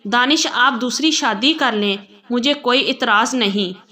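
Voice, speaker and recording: A heartbroken young wife pleads tearfully, as a woman narrator reads her part. Her voice is bright and fairly high. The story is read aloud. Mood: tearful pleading.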